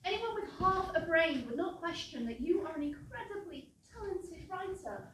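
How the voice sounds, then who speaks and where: An actress playing Shakespeare's calm wife in a live stage comedy, soothing and reassuring, recorded from far off in an echoey theatre. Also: female voice, very high-pitched, normal speed, slight background noise.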